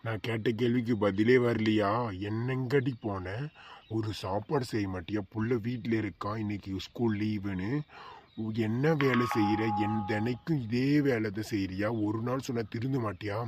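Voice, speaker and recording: A man's voice: on the low side, normal speed, a little mellow, breathy edge. Man doing a scolding cartoon husband. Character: scolding middle-aged husband. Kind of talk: cartoon voice acting.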